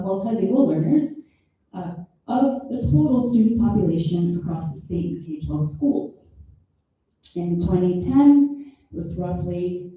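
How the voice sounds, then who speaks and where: A woman's voice: mid-range voice, dark tone. Distant woman in an echoey hall. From born in Peru, raised in the United States. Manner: measured and explanatory, stretching key terms. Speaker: special education professor presenting research. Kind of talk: academic conference presentation. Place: conference hall. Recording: echoey room, voice distant from the mic.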